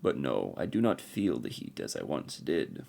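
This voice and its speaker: A man voicing an ancient armored warrior emperor, speaking formally and gravely in a rich voice. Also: a bass voice, big pitch swings, normal speed, dark tone, pitched below the performer's own voice, full character voice. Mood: solemn. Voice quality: rich voice with an unfamiliar accent.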